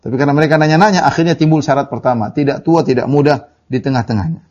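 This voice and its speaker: A man's voice: fairly high pitch, rapid-fire. Emphatic male Quran teacher, lo-fi audio. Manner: emphatic, animated quoting of others in a lively voice; recites Arabic verses, then explains them. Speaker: Islamic religious teacher. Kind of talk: Quran commentary lecture. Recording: dull lo-fi audio recording.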